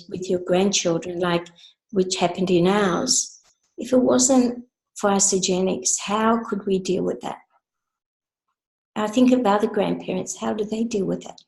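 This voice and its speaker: Rambling older woman, roomy sound. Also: medium pitch. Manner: warm, rambling, repeats words. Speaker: guest speaker. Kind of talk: casual video call chat.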